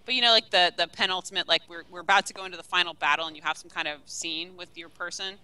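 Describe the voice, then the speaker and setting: A woman co-hosting a casual game discussion, animated and profane, acting out scenes. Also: on the low side, fast, clean tone, poor audio.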